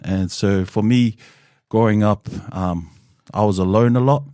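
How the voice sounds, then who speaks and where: A New Zealand man in his thirties, appearing as a guest, tells his story in a low voice with a relaxed, open manner. He often fills gaps with "um" and "kinda." The recording is close and dry, with no sense of a room around him.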